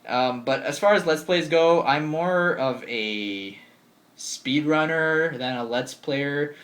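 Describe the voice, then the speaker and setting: This time the twenty-year-old vlogger speaks on the high side, slowly, with a fairly bright tone. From his bedroom full of game shelves, he answers viewer questions in a chatty, upbeat way, peppered with ums and likes.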